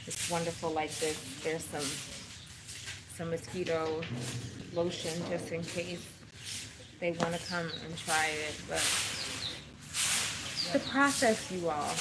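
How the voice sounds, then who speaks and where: A woman born in America to Trinidadian parents, talking earnestly to her viewers from an outdoor balcony at dusk. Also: lowish voice. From United States, Trinidadian parents. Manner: chatty, earnest, addresses viewers as y'all. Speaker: vlogger and workshop host. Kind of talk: casual motivational vlog. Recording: outdoor phone video with loud ambient noise. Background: birds chirping and kids playing.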